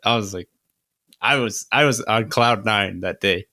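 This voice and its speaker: Laid-back young podcast co-host. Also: male voice, lowish voice, measured pace, sharp tone, no room sound, clean studio sound. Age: young adult. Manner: laid-back, rambling tangents. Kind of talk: casual chat.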